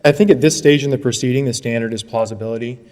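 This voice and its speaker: A man arguing as an attorney before an appeals court, brisk and earnest, often restarting his phrases. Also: mid-range voice, a little mellow. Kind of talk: courtroom oral argument. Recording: long courtroom reverb.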